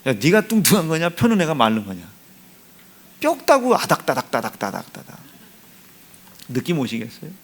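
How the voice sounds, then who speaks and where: A man's voice: on the high side, very animated, fast, few pauses. A man preaching as pastor in a church, playful and teasing, calling on congregants by name and acting out little dialogues. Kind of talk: lively sermon with playful acted-out dialogue. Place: church sanctuary.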